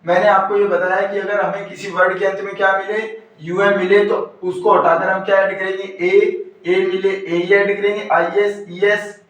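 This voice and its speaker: A man's voice: sits high, flat delivery, moderate pace, few pauses, fairly bright tone, dull audio. A male teacher giving an exam-prep grammar lesson, repeatedly asking questions and answering them himself. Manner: repetitive call-and-answer questioning. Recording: very echoey room, far from mic.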